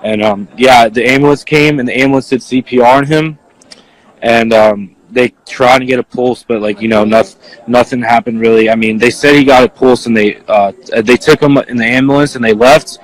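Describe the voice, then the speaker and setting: A young man, an eyewitness, answering viewer questions in a casual, halting way, full of "like" and "you know.". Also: medium pitch, fairly even intonation, rough recording. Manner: halting, filler-heavy, leans on "like". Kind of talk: casual spoken account.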